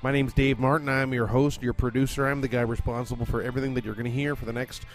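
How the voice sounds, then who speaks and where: Soft background music plays as a man with a medium-pitched, level voice talks at a quick pace. He hosts and produces a comedy podcast from his condo at home, rambling casually, swearing, and filling his talk with fillers.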